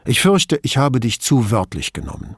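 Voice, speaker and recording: A man reading an audiobook, voicing a calm male police commissioner who speaks in a quiet, restrained way. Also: medium pitch, normal speed, gravelly, slightly rough, no echo, clean studio sound, heavily acted.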